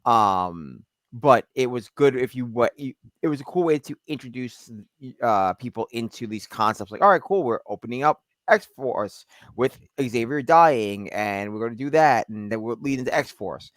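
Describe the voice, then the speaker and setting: A man's voice: medium pitch, expressive, normal speed, a bit bright, dry recording. A man co-hosting a podcast in casual chat, rambling with lots of fillers and restarts. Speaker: podcast co-host.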